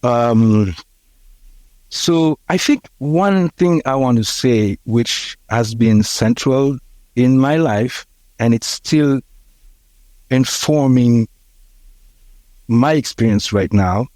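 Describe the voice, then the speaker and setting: Hesitant, mellow-voiced man in his sixties. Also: medium pitch, slow pace, long pauses, dry recording. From Haiti. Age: 60s. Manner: hesitant, many fillers and restarts. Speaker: podcast guest. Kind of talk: reflective conversational storytelling.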